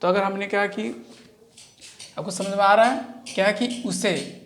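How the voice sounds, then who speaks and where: A woman teacher walks through a grammar lesson at a very slow pace. She repeats each example several times and asks questions that she then answers herself. Her voice sits at an ordinary middle pitch. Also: fairly even intonation, slight background noise. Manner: repetitive, answers own questions, drawn-out words. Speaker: English teacher. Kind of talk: slow classroom-style grammar explanation.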